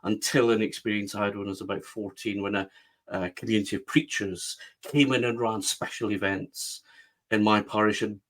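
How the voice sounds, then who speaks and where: A man with a West of Scotland accent, speaking as a guest on an interview podcast and stressing his points with repeated phrases. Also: lowish voice. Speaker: guest, book strategist.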